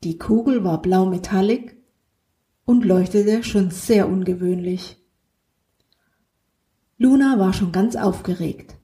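A woman's voice: medium pitch, slow, pauses often, dark tone. A woman reading a children's fantasy story aloud, giving each character only a light change of voice.

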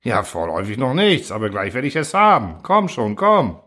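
A man voicing a sly, gleeful male robot constructor who mocks and coaxes in a raised, lively voice. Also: lowish voice, a little fast, heavily acted. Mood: coaxing. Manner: mocking, cheerful cruelty.

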